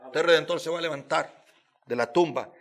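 Delivering his sermon briskly, this preacher has a notably high-pitched, fairly bright male voice. He drives his message home emphatically, repeating lines and posing rhetorical questions.

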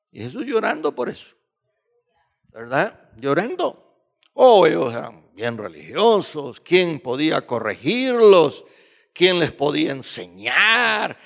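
A man preaching a sermon, repeating phrases for emphasis and often asking "verdad" as a rhetorical tag. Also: fairly high pitch.

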